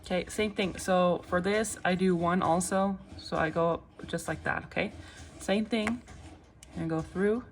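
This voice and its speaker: A woman giving a casual, step-by-step craft tutorial in a reassuring, unhurried way, often checking in, with machine noise behind her. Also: lowish voice. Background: machines running, clicking sounds.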